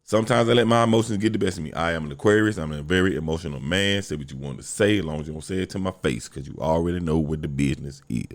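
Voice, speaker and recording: Talking very fast with few pauses, this deep-voiced young podcast host tells a story on his solo show. He's blunt, profane, and highly animated.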